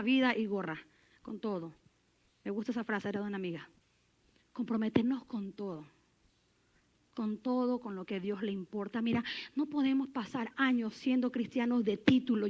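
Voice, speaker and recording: A woman preaching a sermon in church, animated and emphatic, then dropping to a hushed, intimate tone. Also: high voice, lo-fi sound.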